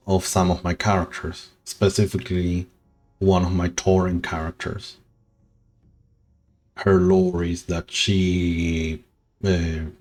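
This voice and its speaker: A man streaming a game, talking slowly and sentimentally, rambling with soft laughs. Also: low-pitched. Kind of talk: casual game stream chat.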